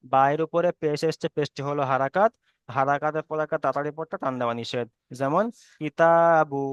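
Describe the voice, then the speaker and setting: A man's voice: on the high side, fairly even intonation, fast talker, clean tone, no echo. A man teaching an online Arabic reading lesson with a Bengali accent, patiently spelling out letters and correcting students.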